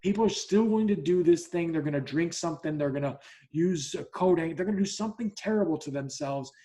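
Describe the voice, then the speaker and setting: A podcast host speaks fairly quickly in a fairly high yet dark voice during a casual chat. He tells a story bluntly, curses freely, restarts again and again, and plays both roles in the dialogue he quotes.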